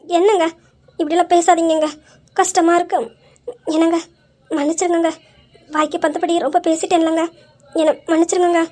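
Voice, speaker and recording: A woman's voice: very high-pitched, little pitch movement, moderate pace, pauses often, dark tone. A woman voicing a humble middle-aged wife and mother in an audio drama, pleading and apologetic. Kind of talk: Tamil audio drama acting.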